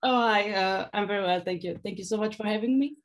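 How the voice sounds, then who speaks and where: A woman with a Slovenian accent speaks in a casual interview at a medium pitch. Her delivery is halting and hesitant, as she feels her way toward each word. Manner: hesitant, halting, searching for words. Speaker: podcast guest, philosophy PhD student and stand-up comedian.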